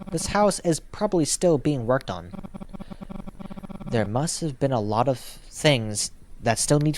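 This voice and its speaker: On a low-quality recording with slight background noise, a gaming YouTuber reads in-game text aloud and talks reflectively to himself as he plays. His voice is on the high side and a little mellow.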